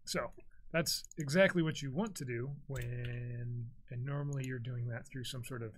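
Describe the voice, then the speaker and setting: A man's voice: mid-range voice, normal speed, slight background noise. A man commentating a live card game stream in a chatty, casual way, explaining plays and laughing easily. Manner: chatty, reads chat aloud, laughs often.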